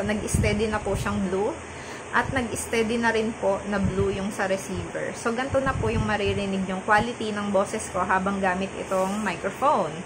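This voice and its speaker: A woman of ordinary pitch talks her viewers through a budget microphone review in a friendly, polite way, slipping English words into her sentences. A steady background noise runs clearly under the home recording. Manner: polite and chatty, sprinkling Taglish and respectful particles; repeats test phrases while comparing mic on and off. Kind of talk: casual product review vlog.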